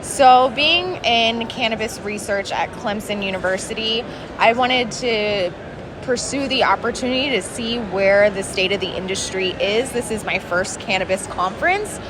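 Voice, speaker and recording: A grad student, a young adult woman, answers interview questions casually and with loose hedging at a conference event. Her mid-range voice moves at a normal speed, and the surrounding event noise comes through clearly.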